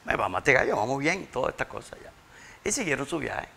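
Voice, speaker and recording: A grieving father, telling his story in a halting, tearful interview and repeating words when overcome. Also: mid-range voice, sing-song, creaky, sharp tone, breathy edge. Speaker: interview guest, bereaved father. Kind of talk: emotional interview testimony.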